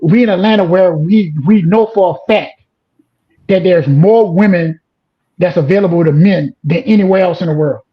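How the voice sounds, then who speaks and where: A man's voice: high-pitched, moderate pace. A man talking as a guest in a casual chat, emphatic and insistent, calling the listener bro. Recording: dull lo-fi sound.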